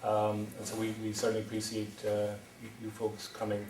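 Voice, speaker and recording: His delivery is completely flat, lowish, darkish, and brisk, with slight background noise in the echoey hall where he's recorded from afar. The speaker, a middle-aged wind energy developer from County Wexford with an Irish accent, stumbles through a town meeting presentation with ums and restarts.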